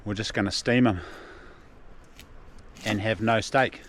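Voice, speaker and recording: A man's voice: on the low side, fairly even intonation, measured pace, fairly bright tone. A man from New Zealand with a broad Kiwi accent, talking casually and slangily in an outdoor adventure vlog in a laid-back manner. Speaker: vlogger. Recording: noisy outdoor recording with ambient sound.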